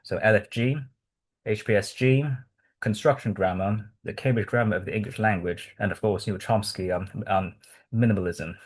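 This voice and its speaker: This man, from Hong Kong and a native Cantonese speaker, gives an academic talk to a research group in a lowish voice with fairly even intonation. His delivery stumbles, full of ums and false starts.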